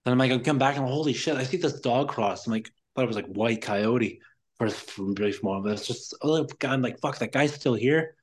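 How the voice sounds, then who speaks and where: A man's voice: mid-range voice, a little fast. A man telling a long story in casual chat, rambling and swearing, exasperated with careless people. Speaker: podcast guest.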